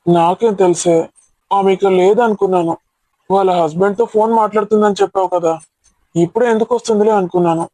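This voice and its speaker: A man's voice: high-pitched, steady tone, fast talker, dark tone, no room sound, natural voice, low-quality recording. A man playing a teasing, playful husband. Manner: teasing, mock-argumentative.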